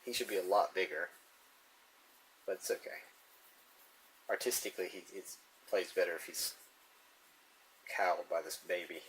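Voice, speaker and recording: Deep-voiced man chatting while he draws. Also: steady tone, moderate pace, pauses often, slight background noise, rough recording. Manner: musing, chuckling, talks to himself as he draws. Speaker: artist drawing on camera. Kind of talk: casual narration while drawing.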